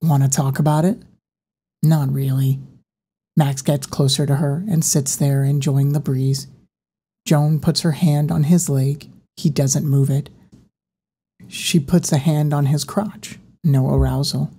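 A woman narrating a horror audiobook in an even, unhurried reading voice. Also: low voice, slightly rough.

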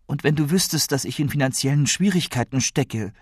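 A man's voice: medium pitch, expressive, brisk, slightly rough, dry recording, clean studio sound, pitched above the performer's own voice. A man voicing a worried, probing woman. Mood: pleading, earnest. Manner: pleading, probing questions. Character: worried, insistent woman questioning a boy.

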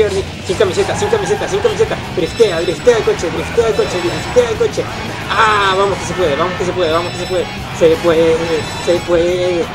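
A man giving excited commentary while playing a motion game at home, chanting repeated cheers and shouting, picked up by a camera mic at a distance. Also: sits high. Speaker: gamer filming himself. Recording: loud game music over voice.

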